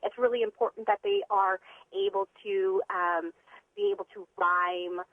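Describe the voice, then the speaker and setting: A woman's voice: medium pitch, steady tone, moderate pace, no room sound. A woman reading tutor calling in to an interview, talking eagerly with frequent fillers. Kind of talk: phone-in interview. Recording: tinny phone line.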